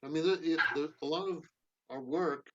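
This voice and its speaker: A man's voice: fairly high pitch, moderate pace, muffled recording. A man in a video call discussion, talking hesitantly with many fillers and restarts. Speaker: discussion participant.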